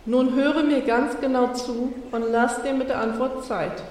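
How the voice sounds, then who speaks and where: A woman's voice: sits high, steady tone, darkish tone, very echoey, long reverb tail, far from the mic, pitched above the performer's own voice. Woman voicing Fia, a solemn sea serpent. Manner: solemn, measured, ceremonious speech. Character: wise, solemn female sea serpent spirit.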